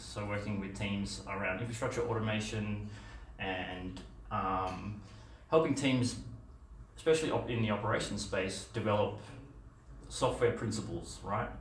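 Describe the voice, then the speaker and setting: The speaker, a middle-aged Australian man, talks conversationally at a meetup conference session, stumbling through fillers and restarts. His voice is on the low side and a bit bright. Captured by a far camera in a dim, echoey meetup room with a projector screen, the recording has slight background noise.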